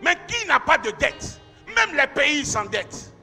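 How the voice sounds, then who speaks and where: A man preaching in a church hall, his voice very high and bright, cutting through. He swings between shouted emphasis and hushed asides, and the long reverb of the hall trails every line over a faint bed of music. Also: big pitch swings, measured pace. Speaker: pastor. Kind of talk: sermon.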